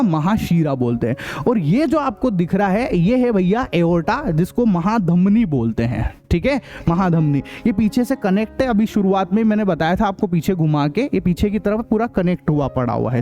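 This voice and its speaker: A man's voice: sits high, warm tone. A man with a Hindi accent teaching a science class, repeating key terms and quizzing students in a casual way. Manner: repeats key terms and asks quiz questions back; casual, addresses students as brother. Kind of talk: explanatory classroom lesson.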